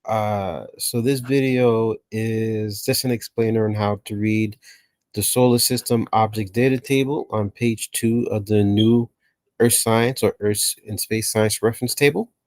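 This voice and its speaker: Recorded dry, a man with a lowish, slightly mellow voice speaks a little slowly with fairly even intonation. In this explainer lesson he talks through a science reference table casually as a teacher, regularly checking in with "okay" and "right".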